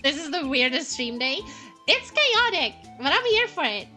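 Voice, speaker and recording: High-pitched giggly woman streamer. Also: big pitch swings, normal speed, bright, forceful tone, soft background music. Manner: giggly, playful, reacting to chat. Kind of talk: casual gaming stream.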